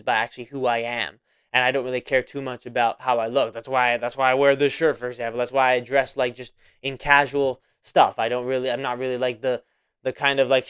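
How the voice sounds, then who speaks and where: Rambling young man with a smooth voice. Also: medium pitch, a bit bright. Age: 20s. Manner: rambling, repeats himself, many fillers. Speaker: podcast host. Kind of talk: casual solo monologue.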